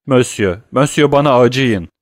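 A man's voice: mid-range voice, moderate pace, no echo, studio quality, lightly acted. A man voicing a grieving, impassioned young lover who speaks in urgent, accusing and pleading tones.

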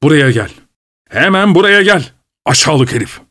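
A man voicing a jittery middle-aged clerk, fussy and quick to boil over, his voice swinging between wheedling and shouting. The sound is close and dry. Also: fairly high pitch, sing-song, no room sound, voice pushed up, exaggerated voice. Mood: furious. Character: anxious, fussy middle-aged male clerk, easily enraged.

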